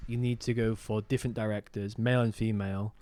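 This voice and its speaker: A man's voice: fairly low pitch, little pitch movement, fast, mellow. A young man co-hosting a casual podcast, talking earnestly and opinionated with frequent restarts. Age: young adult. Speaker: podcast co-host. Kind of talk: casual chat.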